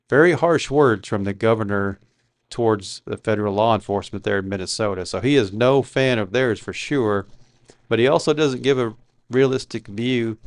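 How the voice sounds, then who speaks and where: Indignant low-voiced male commentator. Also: no room sound. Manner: indignant, with frequent "uh" fillers. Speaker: political commentator. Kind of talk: casual political commentary.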